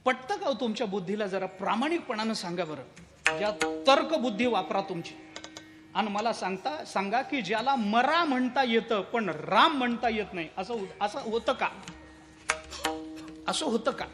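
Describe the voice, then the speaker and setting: A man's voice: sits high, expressive, moderate pace, over music. A man preaching a devotional kirtan, telling a story and asking the audience rhetorical questions.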